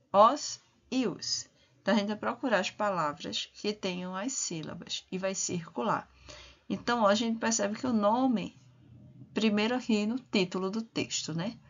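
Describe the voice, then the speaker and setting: A woman teacher walks young pupils through a reading lesson, sounding out each syllable with slow, careful deliberation. Her voice sits at a middling pitch. The recording is slightly dull and lo-fi. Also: a bit bright. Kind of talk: primary school reading lesson.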